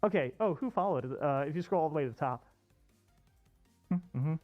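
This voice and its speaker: In this casual chat, a streamer with an animated, medium-pitched voice rambles on at normal speed from inside a fursuit head, indoors. Everything sounds muffled and dull through the off-costume streaming mic, with no room sound and soft background music.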